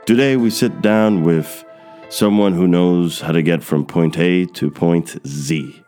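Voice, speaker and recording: A young man hosts a podcast interview. He reads a scripted opening, then slips into loose, halting talk full of ums and uhs. Soft music sits faintly behind him. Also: low voice. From Queens, New York. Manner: scripted intro, then halting with many fillers. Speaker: podcast host.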